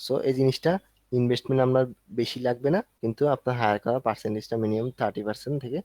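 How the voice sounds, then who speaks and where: Man, instructor, mid-pitched voice, dry close sound, conversational step-by-step explaining. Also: darkish tone, no echo. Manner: conversational, explaining step by step while showing a screen. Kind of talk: online class lecture.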